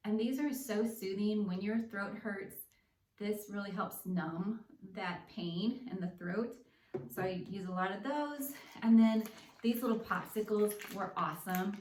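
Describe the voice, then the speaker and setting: A woman's voice: mid-range voice, unhurried, darkish tone, slight background noise. A woman talking casually in a vlog, explaining practical tips step by step in a conversational way. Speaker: vlogger sharing personal experience. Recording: echoey room, distant microphone.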